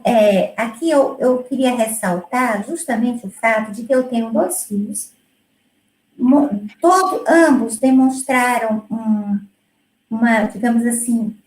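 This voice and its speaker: High-voiced woman explaining her music teaching. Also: a little mellow, roomy sound, rough recording. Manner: explanatory, with many fillers and restarts. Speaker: music educator presenting her work. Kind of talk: conversational presentation.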